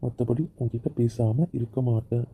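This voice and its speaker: A man voicing the husband in an amateur romantic audio drama, often pleading softly. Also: medium pitch, steady tone, moderate pace, husky. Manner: pleading, soft-spoken apologies. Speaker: audio drama narrator and lead voice. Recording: tinny phone-like audio.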